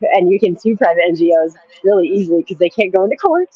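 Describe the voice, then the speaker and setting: A man's voice: sits high, fast talker, slightly rough, dry recording. A man on a panel, explaining things in casual discussion. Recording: slightly dull, dry audio.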